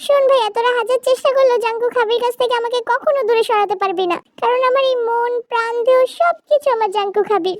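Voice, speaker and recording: A woman's voice: very high-pitched, fast talker, few pauses, noisy background, voice pushed up. A woman doing a whiny little girl bride. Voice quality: whiny, insistent questioning. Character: bratty little girl bride, naive and chatty.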